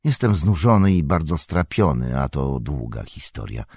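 A weary, earnest young hobbit speaks quietly in a storybook reading, as a man reads him out. The voice is low and gravelly, with a husky edge. It sounds close and dry. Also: big pitch swings, moderate pace, no room sound, full character voice.

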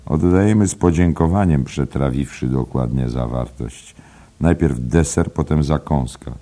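Casting: deep, dark-toned male audiobook narrator, measured reading. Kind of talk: scripted literary narration.

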